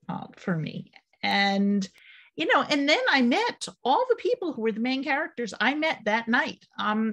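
An older woman, an author and former journalist, speaking on a video call from a home office in a slow, thoughtful way with many pauses. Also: mid-range voice. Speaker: author and panel guest. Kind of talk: panel discussion on a video call. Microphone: video call webcam.

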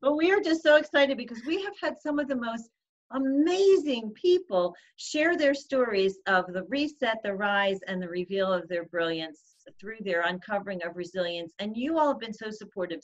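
A woman's voice: medium pitch, animated, normal speed. A woman co-hosting a casual online show, effusive and bubbly, laughing often. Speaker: co-host. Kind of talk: casual chat. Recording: slightly dull lo-fi sound.

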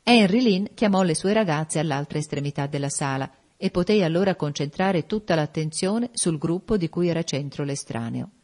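A woman reading a classic novel aloud as an audiobook narrator, in a measured storytelling manner. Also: sits low, lively intonation, darkish tone. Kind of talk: scripted narration.

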